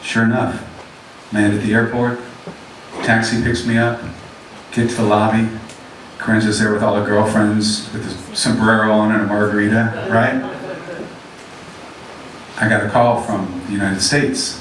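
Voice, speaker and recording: A man's voice: on the low side, level tone, measured pace, pauses often, noisy background. A man, a singer-songwriter telling an easygoing, joking story on stage between songs and acting out the quoted dialogue. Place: large historic theater, live audience. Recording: echoey live theater, heard from a distance.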